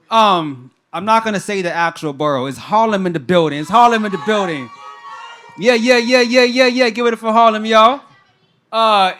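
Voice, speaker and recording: A young man from Texas, a spoken word poet, shouting out to a live audience before performing a rhythmic, repeating poem on stage. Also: extremely high pitch. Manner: hypes the crowd with call-outs, then a rhythmic repeated-line poem.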